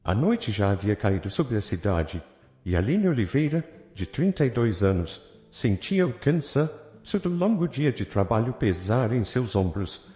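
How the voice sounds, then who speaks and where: A man's voice: on the low side, big pitch swings, a little slow, mellow. A man narrating a dramatic, suspenseful story in a scripted style. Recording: echoey, with faint background music.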